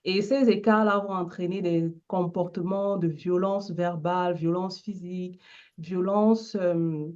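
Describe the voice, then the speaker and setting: Female coach on a live stream, calm and explanatory, slightly dull line. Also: fairly low pitch, unhurried. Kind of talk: motivational talk on a live stream.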